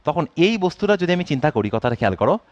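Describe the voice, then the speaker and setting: A male physics teacher, his voice fairly high and swinging up and down as he explains. He keeps asking his students whether they follow. The sound is dry and close. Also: sing-song, fast, dry recording, dull audio. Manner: asks students constant check-in questions; mixes English phrases into explanations. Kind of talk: classroom lecture.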